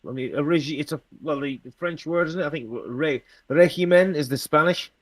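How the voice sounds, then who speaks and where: A man in casual political chat, halting with many restarts and dry sarcasm. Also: a little high, fairly bright tone, no echo. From Britain.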